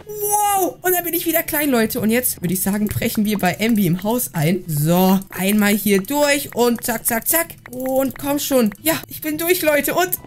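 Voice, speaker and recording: A woman gaming YouTuber commenting excitedly on a Minecraft prank, constantly talking to her viewers. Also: a little high, moderate pace, few pauses. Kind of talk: Minecraft let's play commentary.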